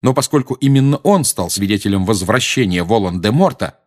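A man's voice: lowish voice, fairly quick. A man doing a cool, defiant wizard godfather. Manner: calm, cold, and sometimes irritated.

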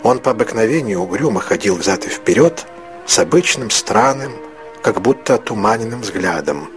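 A man reading a literary story aloud as narrator, in a measured, reflective way. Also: lowish voice, expressive, over music.

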